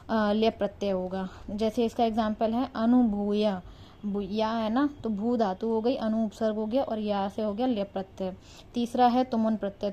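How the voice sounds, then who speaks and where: A woman with a fairly high but mellow voice teaches a grammar lesson. She poses questions and answers them herself, repeating key terms. The recording is dull and lo-fi. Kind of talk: explaining Sanskrit grammar lesson.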